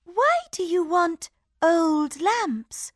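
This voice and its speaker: A woman voicing a sweet, trusting young princess in a storybook read-aloud, pitching her voice high and eager. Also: expressive, extremely slow, no room sound, studio quality, exaggerated voice.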